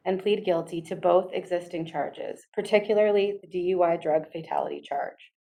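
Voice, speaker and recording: Woman, middle-aged, slightly low pitch, solemn, deliberate, formal prepared statement, read aloud. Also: a little mellow. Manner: solemn, deliberate, measured wording. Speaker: victim's family member giving a court statement.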